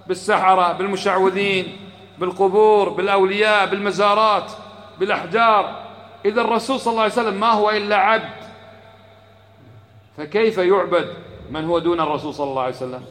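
A man's voice: high-pitched, fairly bright tone. A man giving an Islamic lesson to a live audience, calling on listeners to repeat after him and answering his own questions. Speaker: religious teacher. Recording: echoey hall with long reverb.

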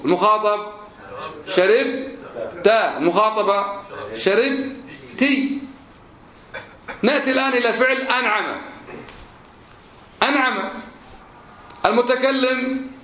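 A man's voice: very high voice, moderate pace, long pauses, bright, forceful tone. Guy teaching a class, keeps asking questions, lo-fi recording. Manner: drills verb forms, asking questions. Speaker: religion teacher. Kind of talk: classroom lesson. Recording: roomy, dull lo-fi recording.

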